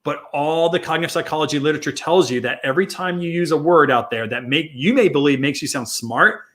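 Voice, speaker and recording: A man with a fairly high speaking voice explains marketing ideas in a loose, conversational way. He circles back, repeats phrases and restarts sentences as he talks. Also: fast, a bit bright. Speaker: co-host, marketing consultant. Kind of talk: casual podcast chat.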